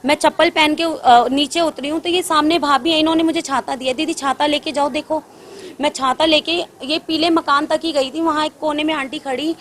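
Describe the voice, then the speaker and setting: A woman's voice: sits high, fairly even intonation, a little fast, a bit bright, a little hiss or hum. A woman giving an urgent eyewitness account to a news reporter, often addressing him as sir. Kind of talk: news interview testimony.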